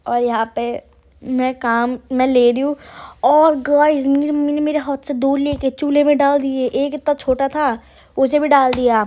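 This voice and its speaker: A young vlogger from the hills of Uttarakhand, India, narrates her family day in a casual, self-mocking voice-over despite a sore throat, calling her viewers "guys." Her high voice has little pitch movement, a darkish tone, and a normal speed.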